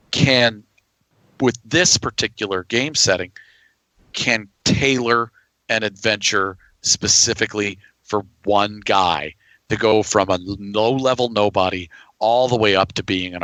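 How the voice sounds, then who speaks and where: A man's voice: on the low side, takes it slowly, bright, forceful tone, no room sound, low-quality recording. A man hosting a podcast, talking in a casual, conversational way. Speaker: podcast host. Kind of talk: casual chat.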